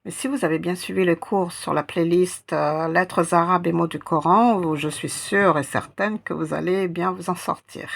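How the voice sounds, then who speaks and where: Woman, language teacher, slow patient delivery, gravelly husky voice, lowish pitch. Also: steady tone. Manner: patient, repeats sounds syllable by syllable. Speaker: Arabic teacher. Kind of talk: slow step-by-step lesson.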